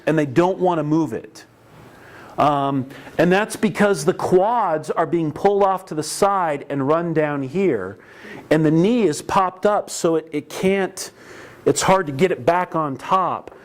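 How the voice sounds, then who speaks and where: A middle-aged man with a slightly raised voice, giving a classroom lecture on emergency care. He talks in a loose, chatty way, often restarting sentences and telling stories from calls. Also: a little high. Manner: conversational, anecdotal, with frequent restarts. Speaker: EMS instructor. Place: training classroom.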